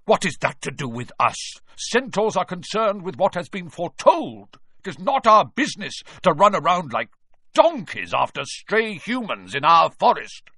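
A man's voice: on the low side, moderate pace, a bit bright, dry recording, lightly acted. A man voicing a fierce, proud male centaur who thunders and growls with a hot temper in an audiobook reading. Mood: thundering, scornful. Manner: thundering, raised and harsh, growling.

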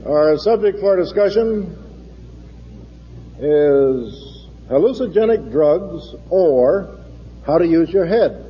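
A man's voice: on the high side, animated, takes it slowly, pauses often. American chairman, male, in a reverberant hall. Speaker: forum chairman introducing a speaker. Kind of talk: formal public introduction. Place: large lecture hall. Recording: muffled 1960s hall recording, long reverb.

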